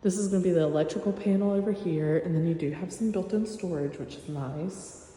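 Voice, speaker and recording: Speaking quickly in a warm, fairly low voice, this real estate agent walks through a newly built, empty house one room at a time. Her tone is casual, talkative and practical. The recording picks up a faint hum and long reverb bouncing off the bare rooms.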